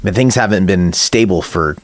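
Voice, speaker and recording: A man with a low voice hosts a relaxed conversation, reflecting aloud in loose, meandering sentences. The recording is dry and close, with no room echo. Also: fairly quick. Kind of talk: casual conversational interview.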